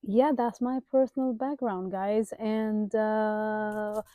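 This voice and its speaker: Taking it slowly, a woman in her thirties with a Nepali accent talks directly to viewers in a casual self-introduction vlog, dropping in emphatic asides. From Kathmandu, she owns a page and is a digital entrepreneur; her mid-range voice is mellow and flat, with no echo.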